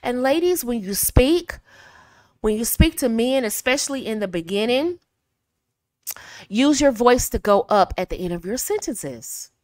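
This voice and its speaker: A woman from the United States giving casual, direct advice to women, often calling them ladies and swinging her pitch to demonstrate. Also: expressive, unhurried, darkish tone, dry recording. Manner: chatty, direct, frequently addresses listeners as ladies. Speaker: femininity coach.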